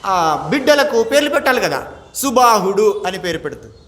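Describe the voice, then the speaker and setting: A man teaching as a swami, giving a lively spiritual discourse full of rhetorical questions to his listeners and slowly chanted verses, with English words mixed into his talk. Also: sits high. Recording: echoey room, faint background noise.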